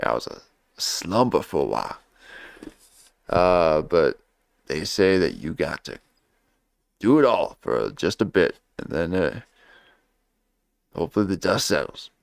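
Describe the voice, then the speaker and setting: Slow gravelly man rambling on a livestream. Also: lowish voice, dry recording, clean studio sound. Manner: rambling, fills nearly every pause with "okay?". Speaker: livestream reaction host. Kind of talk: casual rambling livestream commentary.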